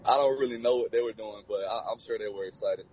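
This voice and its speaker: Man in his twenties, low voice, husky, laid-back interview talk, many fillers, dull lo-fi recording. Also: fast talker. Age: 20s. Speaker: college football player. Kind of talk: relaxed interview answers.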